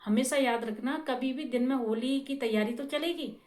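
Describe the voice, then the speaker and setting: Woman, explaining rituals, casual and repetitive, raised pitch, roomy echo. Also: normal speed, darkish tone. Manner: explanatory, repeats herself, checks in often with the listener. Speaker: presenter explaining festival rituals.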